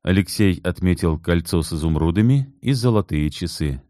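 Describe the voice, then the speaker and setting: Deep-voiced male audiobook narrator. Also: dry recording, studio quality. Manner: measured, even storytelling. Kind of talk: scripted narration.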